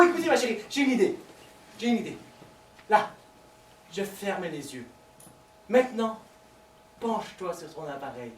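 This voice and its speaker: A man's voice: high voice, a little hiss or hum. A male stage actor playing a lovesick man who pleads with his lover over the phone, talking theatrically and stammering in a live comedy performance. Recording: echoey stage recording from far off.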